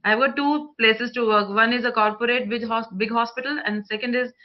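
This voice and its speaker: A woman's voice: a little high, fairly even intonation, brisk. Indian woman doctor on muffled call. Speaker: doctor, panelist. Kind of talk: conversational panel introduction. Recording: dull video-call audio.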